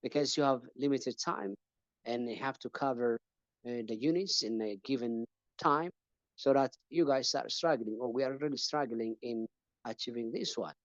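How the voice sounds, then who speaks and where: An Ethiopian man with a mid-range voice at normal speed answers questions as a panelist in an online teaching webinar, speaking hesitantly with many fillers and repeated words. The recording is dry, with the highs cut off.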